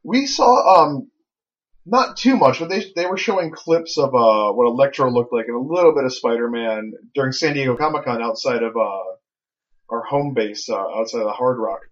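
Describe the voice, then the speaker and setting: A man's voice: mid-range voice, animated, moderate pace. A man co-hosting a podcast in joking, easygoing chat, talking into a phone. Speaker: podcast co-host. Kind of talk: casual chat. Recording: lo-fi phone-mic recording.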